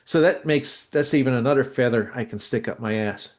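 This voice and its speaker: Another musician co-host on a casual podcast has a mid-range voice and a slightly fast pace. His talk is rambling and blunt, and he frequently pauses mid-sentence to find the right word.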